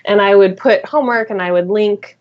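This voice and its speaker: A woman's voice: medium pitch, a little fast. A woman teacher and guest author in a casual podcast conversation, thinking aloud with fillers and restarts. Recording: dull lo-fi recording.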